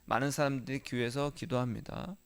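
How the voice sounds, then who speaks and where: A male pastor delivering a Sunday sermon, asking the congregation rhetorical questions and moving between soft, quiet lines and emphatic ones. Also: mid-range voice, fairly even intonation, brisk, clear, resonant tone.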